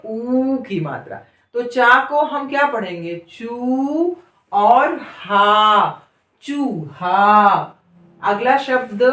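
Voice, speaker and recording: A woman's voice: sits high, a bit bright, roomy sound, distant mic. A woman teaching beginners to read, who draws out each long vowel and repeats every word several times. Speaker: Hindi reading teacher. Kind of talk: slow, drawn-out spelling lesson for beginners.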